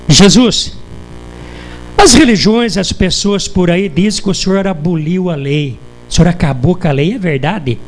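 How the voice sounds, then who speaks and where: A man's voice: high-pitched, slight background noise, low-quality recording. A man with a Brazilian Portuguese accent preaching a sermon in church, often putting questions to the congregation. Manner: asks the congregation rhetorical questions.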